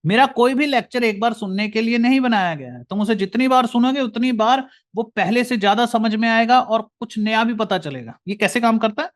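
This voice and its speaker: A man's voice: extremely high pitch, brisk, few pauses. A man with an Indian accent giving an earnest lecture, often calling the listener brother. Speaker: motivational speaker.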